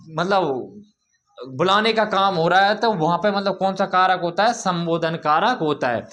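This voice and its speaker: A man explaining grammar in a lesson, asking questions and answering them himself, with informal, drawn-out explanations. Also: high voice, fairly bright tone. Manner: repeats key points as questions and answers them. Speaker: teacher.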